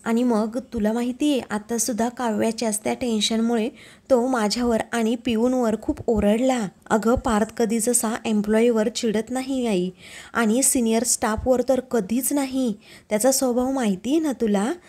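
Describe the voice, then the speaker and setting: A worried young woman chatters on, part caring and part telling tales, as a woman voices her in a recap. Her voice is fairly high with a soft, warm tone. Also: steady tone, moderate pace, lightly acted. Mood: pleading. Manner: concerned, chatty, pleading.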